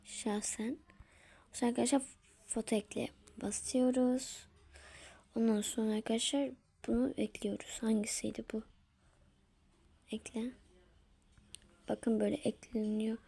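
A woman's voice: on the high side, steady tone, measured pace, gravelly, long pauses, warm tone, slightly rough. A woman at home walking viewers through a casual tutorial, chatting to them as friends and often dropping into a whisper while she works. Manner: chatty, keeps calling out to her friends; drops to a whisper while working. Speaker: tutorial maker.

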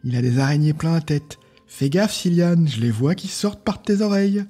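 A man's voice: fairly high pitch, animated, moderate pace, dark tone, breathy edge, soft background music, voice pushed up. A man reading aloud voices a cruel young village lad who taunts with a giggling, teasing manner. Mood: taunting.

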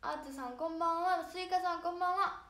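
A woman's voice: extremely high pitch, quick pace, bright, forceful tone. A young woman with a Hiroshima accent hosting a casual idol livestream, chatting and thanking viewers by name. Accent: Hiroshima dialect. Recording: echoey room with faint music.

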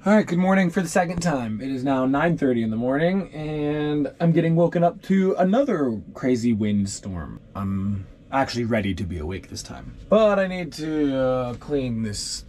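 A man's voice: expressive, moderate pace, few pauses, darkish tone. A man in his thirties chatting casually to a camera inside a camper van, with a weary, grumbling, informal manner. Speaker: van life vlogger. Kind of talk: casual vlog chat to camera. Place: inside a converted ambulance camper, cab and living area. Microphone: action camera at arm's length or mounted nearby. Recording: clear background noise, vehicle rumble and wind.

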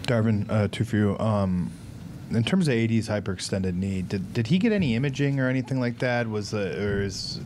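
A man's voice: on the low side, a little fast, a little mellow, slight background noise. A man reporter asking a coach questions at a press conference in a hesitant, loose way. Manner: hesitant, loose phrasing with fillers. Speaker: sports reporter.

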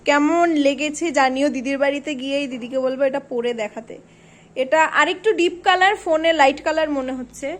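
A woman's voice: high-pitched, brisk. A young woman chatting casually to her viewers in a vlog. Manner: chatty, addresses viewers directly. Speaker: vlogger.

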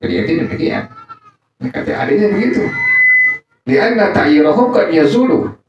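A man's voice: high voice, very animated, moderate pace, heavy background noise. Guy teaching a religious study group, keeps quizzing the crowd, casual talk w arabic bits, sounds far off in a muffled echoey room. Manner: quizzes the congregation in call-and-response; casual colloquial delivery mixing in Arabic quotations. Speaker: Islamic teacher. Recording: echoey distant dull recording.

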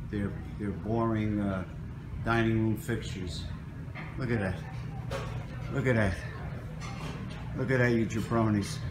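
Low-voiced man muttering through a buffet. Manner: chatty, muttering to himself while choosing food. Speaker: vlogger. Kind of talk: casual walk-through commentary. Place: indoor restaurant buffet. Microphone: handheld phone.

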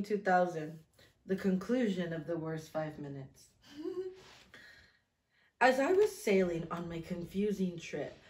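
A woman in her thirties hosts a vlog from a small indoor room, seated at a table, and the room sounds echoey. She chats casually and reads aloud from an old journal, telling stories in a self-mocking way. Her voice is medium-pitched and a little mellow.

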